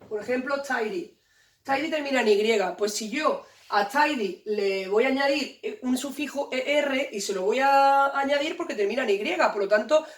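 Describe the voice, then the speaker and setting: A woman explains grammar at a whiteboard, patient and steady, often posing a question and answering it herself. Her voice sits a little high. The sound is roomy and comes from some way off the microphone. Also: far from the mic. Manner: patient, repeats key points, asks and answers own questions. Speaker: English teacher.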